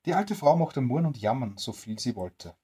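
Bedtime story reader, gentle and expressive, lively pitch, a bit husky. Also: normal speed. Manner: gentle, expressive reading aloud.

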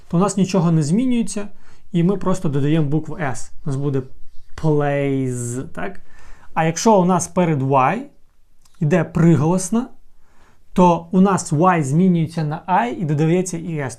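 A man, an English teacher, explaining a grammar lesson patiently, repeating example words slowly and talking to viewers as friends. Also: on the high side, darkish tone.

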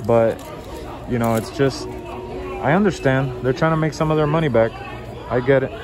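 Strolling through a big indoor store, a vlog host chats casually and points out prices as he films. His voice sits in the mid range at a moderate pace, with crowd noise and store music behind him.

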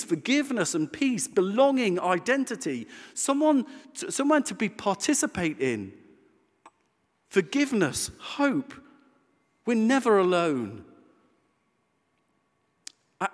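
A man preaching a sermon in a conversational, animated way, with self-deprecating humor. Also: sits high. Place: church. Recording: church hall reverb.

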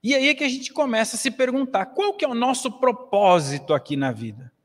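A man's voice: very high-pitched, big pitch swings, brisk. Brazilian man preaching in an echoing hall. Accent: Brazilian Portuguese. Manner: earnest, preaching with wide gestures. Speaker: lecturer at a spiritist center. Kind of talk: spiritist lecture. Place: small hall, standing at a lectern. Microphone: stand mic at a lectern. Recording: long hall reverb.

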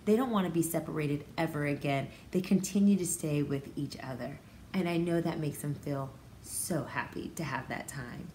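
Her voice is deep and warm, and she speaks at a moderate pace. She's an American woman teaching pre-kindergarten, reading aloud to little kids and explaining the story expressively in plain words. Faint background noise and a roomy echo come from the small, hard-walled room she's in.

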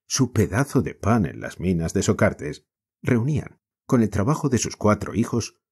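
A man with a Spain accent reading a classic novel as an audiobook narrator, in a measured, declamatory style. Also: sits low, a little mellow, slightly rough.

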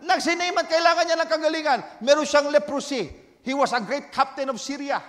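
A male pastor preaching a sermon in Tagalog and English, swinging between shouted exhortation and hushed storytelling, with frequent amens. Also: very high voice, fairly even intonation, brisk, in a large hall. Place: church.

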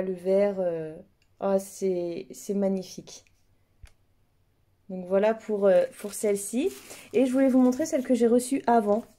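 A woman's voice: mid-range voice, warm tone. A woman chatting casually through an unboxing in an effusive, admiring way, her mouth numb from the dentist so that speech is slightly impeded. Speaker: host of unboxing videos.

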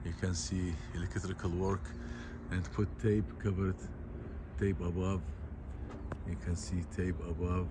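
A man walking a construction site and explaining the work in plain, halting, repetitive phrases, recorded on a handheld phone outdoors. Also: deep voice, level tone, background noise. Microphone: phone camera held by the speaker.

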